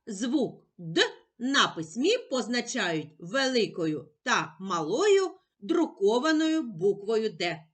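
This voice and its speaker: Speaking in a mid-range, slightly bright voice, a Ukrainian-accented woman teaches young children to read, going slowly and enunciating clearly. She patiently poses questions, answers them herself, and draws out each sound.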